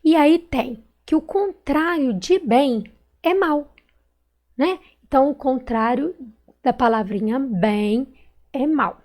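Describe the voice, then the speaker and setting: A woman's voice: high voice, takes it slowly, darkish tone. A female primary school teacher from Brazil with a Minas Gerais accent, correcting exercises in a recorded online class and stretching out words and syllables patiently. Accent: Brazilian Portuguese, Minas Gerais.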